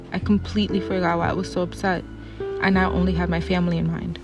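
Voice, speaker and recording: A teenage girl reading a scripted personal essay in a calm, reflective voice. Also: fairly low pitch. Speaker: student reporter. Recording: dull lo-fi audio with faint music.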